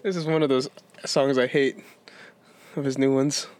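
A woman's voice: a bass voice, fairly even intonation, moderate pace, darkish tone, dry recording. A woman in casual chat during a lyrics guessing game, teasing, laughing often and correcting firmly.

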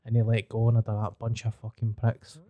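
A man's voice: fairly low pitch, monotone, a little fast, dry recording, dull audio. A man with a Glasgow street accent, chatting casually with plenty of slang and swearing. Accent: Glaswegian. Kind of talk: casual chat.

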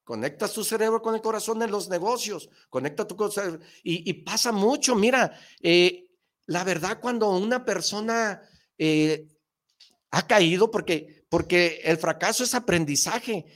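A man hosting a motivational talk show, speaking emphatically with slangy rhetorical questions and bursts of excitement. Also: high voice, unhurried.

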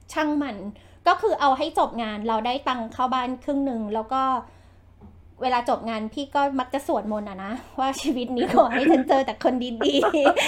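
A woman hosting a podcast chat, giving blunt, lively advice with frequent laughter and slangy speech. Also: high-pitched. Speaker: podcast host and real estate agent.

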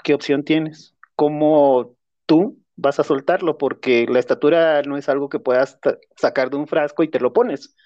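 A man tells personal stories casually, reflective and self-deprecating. His voice sits a little high for a man. The recording is dry and dull, with a lo-fi tone. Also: normal speed, a little mellow, no echo. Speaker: podcast co-host and therapist.

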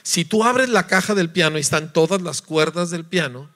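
A man from Mexico, preaching a lively sermon, acting out voices and asking his listeners to agree. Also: fairly high pitch, moderate pace. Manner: animated, acts out voices, sings notes, asks listeners "¿verdad?".

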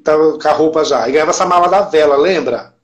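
A man with a Brazilian Portuguese accent, his voice sitting a bit higher than most men's. He talks in a casual, excited way, repeating words for emphasis and acting out the lines of other people as he tells his story. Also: quick pace, muffled recording. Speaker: podcast guest. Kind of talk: casual chat.

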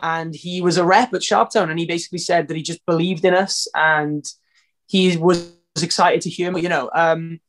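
A Welsh singer with a notably high-pitched voice chats in an interview. He rambles, restarts sentences and leans on fillers throughout. His talk stays loose and informal. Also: steady tone, normal speed, fairly bright tone. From Wales. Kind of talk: casual interview chat.

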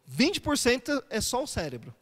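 A male pastor with a notably high voice teaches in a relaxed, conversational way, often asking the room rhetorical questions. His words hang in a long church reverb. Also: moderate pace, slightly rough. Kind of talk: sermon.

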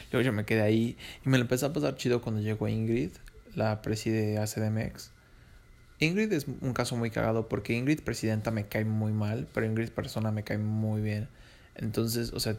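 Young Mexican man, gravelly low voice. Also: a little mellow. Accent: Mexican Spanish. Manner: slangy, rambling, laughs between lines. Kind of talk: casual storytelling.

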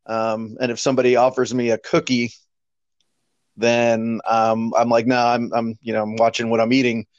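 A man with a mid-range voice chats casually as a podcast guest, rambling and restarting his sentences at a moderate pace in a completely flat delivery. He's heard over a speakerphone call, and the line sounds dull, lo-fi and dry, with no echo.

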